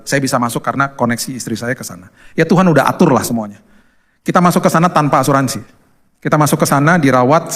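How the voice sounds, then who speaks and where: A male pastor telling a personal testimony in a conversational sermon, lively and acting out the voices of the people in his story. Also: fairly high pitch. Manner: animated storyteller who acts out quoted voices.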